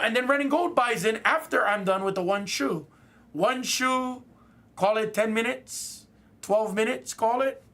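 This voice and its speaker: A man hosting a live card-break stream, casually telling a story with swearing and laughter, acting out what people said. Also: high-pitched. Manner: animated, swearing, laughing, acts out quoted exchanges.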